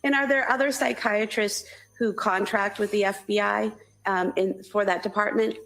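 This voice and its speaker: A woman's voice: mid-range voice, steady tone, moderate pace, creaky, fairly bright tone. Woman attorney questioning a witness. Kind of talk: formal courtroom questioning. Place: courtroom.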